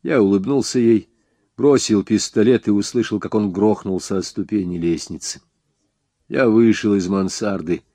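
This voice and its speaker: Low-voiced man reading a crime novel. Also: slightly rough, no echo, clean studio sound. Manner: expressive, with sharp raised outbursts for the hero's lines. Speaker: audiobook narrator.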